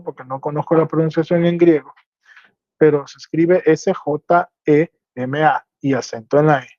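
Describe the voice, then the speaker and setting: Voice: mid-range voice, mellow, dry recording. Bible teacher preaching, explains step by step, keeps asking if you follow, dull dry recording. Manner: explanatory, checks understanding with rhetorical questions. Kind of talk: teaching sermon.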